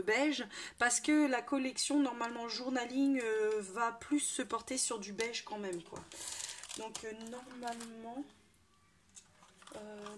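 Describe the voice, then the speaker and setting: A woman's voice: a little high, slight background noise. A woman giving a casual, hesitant unboxing chat with many fillers and restarts. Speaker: crafting vlogger.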